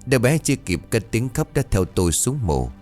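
A man's voice: medium pitch, big pitch swings, a little fast, a little mellow, soft background music, natural voice. Man voicing a vengeful mother's ghost. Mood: mournful. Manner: bitter, grinding.

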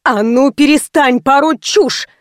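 A woman's voice: sits high, expressive, moderate pace, no room sound, clean studio sound. A woman doing a stern commanding salon owner. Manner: sharp, commanding orders.

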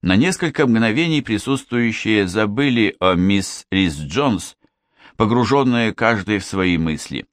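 A man reading a novel aloud as audiobook narration, in a measured, expressive storytelling manner. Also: lowish voice, no room sound, studio quality. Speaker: audiobook reader. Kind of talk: scripted narration.

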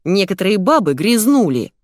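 A woman's voice: mid-range voice, normal speed, a little mellow, dry recording, studio quality, pitched above the performer's own voice, natural voice. A woman reading an audiobook, voicing a rude young woman who squeals irritated insults in a lift. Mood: scornful. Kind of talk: audiobook character voice.

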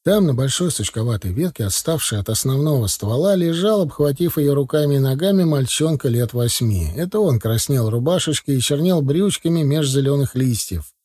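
A man narrating a first-person audiobook in a wry, relaxed storytelling manner, close to the mic. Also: mid-range voice, moderate pace, hardly any pauses, slightly rough, dry recording.

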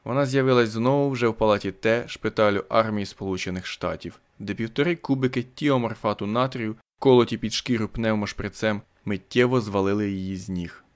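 A man narrating a science fiction story as an audiobook in a steady, even manner. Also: lowish voice, fairly quick, hardly any pauses, clean tone.

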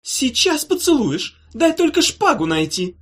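A woman's voice: high-pitched, big pitch swings, a little slow, voice pushed up, exaggerated voice. A woman voicing a vengeful young former witch who scolds sharply.

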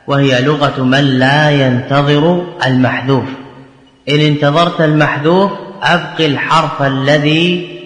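A man teaching grammar, explaining a verse text line by line, asking and answering his own questions and repeating key phrases slowly. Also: a little high, fairly bright tone. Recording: echoey hall with long reverb.

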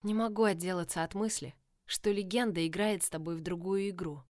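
A woman's voice: fairly low pitch, steady tone, fairly quick, darkish tone, no room sound, clean studio sound, lightly acted. Scarlett, a woman doing a worried older sister. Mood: urgent. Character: Scarlett, anxious wary young woman, protective older sister.

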